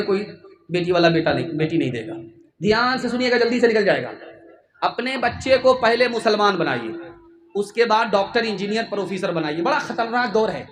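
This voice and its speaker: Very high-voiced fervent male preacher. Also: a bit bright. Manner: fervent, rhetorical, calls on the audience to raise their hands. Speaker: maulana preacher. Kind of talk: religious sermon at a gathering.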